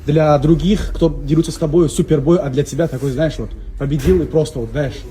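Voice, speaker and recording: A man's voice: a little high, steady tone, brisk, warm tone. A man doing casual post-fight interviews in a chummy, encouraging way. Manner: chummy, encouraging, frequently calls people brother. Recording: crowd noise in busy venue. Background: crowd chatter.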